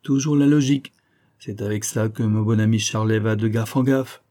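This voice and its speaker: A man's voice: fairly low pitch, fairly even intonation, normal speed, warm tone, close to an everyday voice. A man reading a novel aloud, voicing a playful, lecturing male amateur detective who teases his young listeners. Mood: teasing. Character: clever, teasing older male amateur detective.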